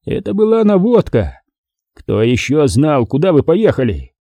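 A volatile, furious gang boss snarls and roars his threats, as a male narrator puts him on. The voice climbs well above the reader's own, husky and dark. It is a dry audiobook reading. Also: sits high, sing-song, normal speed, no echo, dull audio, voice pushed up, full character voice. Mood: raging. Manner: snarling, yelling threats in bursts.

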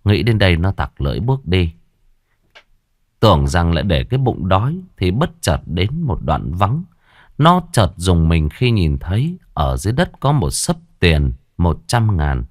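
A man narrating a village ghost story in a dramatic, expressive way. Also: sits low, a little slow, dry recording, studio quality. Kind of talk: scripted horror story narration.

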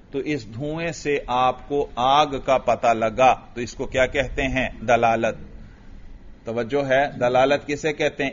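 A man's voice: medium pitch, a little hiss or hum. Man teaching, muffled old lecture tape. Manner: asks questions and repeats the answers; chants Arabic text in a melodic recitation. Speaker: religious teacher. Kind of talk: classroom lecture on Arabic grammar and logic.

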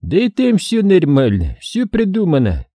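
A sly, menacing militant captor, as a man voices him for an audiobook, speaking in a raised, lively pitch. He barks orders and mocks with feigned surprise. The voice is husky and warm, and the recording is dry. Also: a little slow, dry recording, exaggerated voice. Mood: commanding. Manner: mocking, commanding, feigning surprise. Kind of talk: audiobook character reading.

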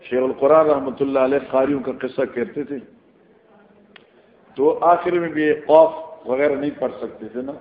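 A man's voice: medium pitch, fairly even intonation. A man with a Pakistani Urdu accent teaching scripture in a classroom lecture, explaining the Arabic text line by line and telling stories as he goes. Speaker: hadith teacher. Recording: roomy, dull lo-fi recording.

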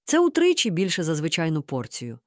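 A woman voicing an excitable, indignant mother in a read-aloud story, exclaiming in a high, scandalized tone. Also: a little fast, dry recording, clean studio sound. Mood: excited. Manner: exclaiming, scandalized, breathless whisper-hiss.

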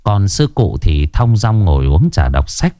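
Expressive low-voiced storyteller man. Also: no room sound, studio quality. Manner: unhurried, expressive. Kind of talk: storytelling narration.

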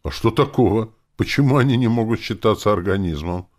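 A man's voice: lowish voice, animated, fairly quick, a little mellow, pitched above the performer's own voice, lightly acted. A man voicing a blunt, sarcastic, hot-tempered young male hero in an audiobook. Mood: indignant.

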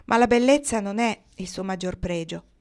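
A woman's voice: mid-range voice, normal speed, a little mellow, close to an everyday voice. A woman reading aloud, voicing a rich young farmer who speaks with authority. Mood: assured. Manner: read aloud with light character voicing.

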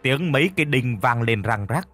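A man's voice: mid-range voice, lively intonation, moderate pace, fairly bright tone, husky, soft background music. A man narrating a horror story in a vivid, dramatic style.

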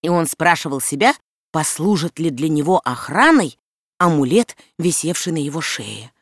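An audiobook narrator telling a story in an even, measured voice at a middle pitch. The reading is recorded close and dry, with no room echo.

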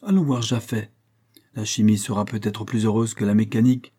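A man reading aloud plays an earnest, excitable professor, his voice pushed slightly higher with emphatic stresses. The sound stays husky and dark. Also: fairly quick.

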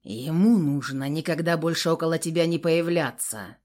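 A woman voicing a brutal male thug who growls threats in a hoarse voice. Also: fairly high pitch, normal speed, darkish tone, close to an everyday voice. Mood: menacing. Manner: snarling, menacing.

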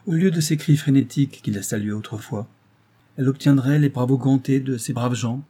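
A man reading a classic novel aloud as an audiobook narrator, steady and literary. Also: mid-range voice, a little fast, slightly rough. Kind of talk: scripted narration.

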